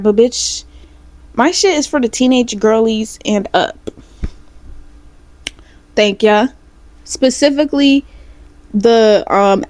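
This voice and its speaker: A woman's voice: fairly high pitch, no room sound. Blunt, profane young woman vlogging. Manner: blunt, profane and expressive, with sassy asides. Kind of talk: casual vlog monologue. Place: small home room.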